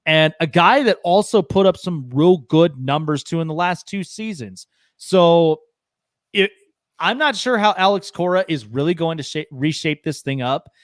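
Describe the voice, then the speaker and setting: A man's voice: a little high, lively intonation, normal speed, dry recording, clean studio sound. A man co-hosting a baseball podcast, chatting casually and rambling with lots of restarts. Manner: rambling, many restarts and fillers, enthusiastic. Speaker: podcast co-host. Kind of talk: casual sports chat.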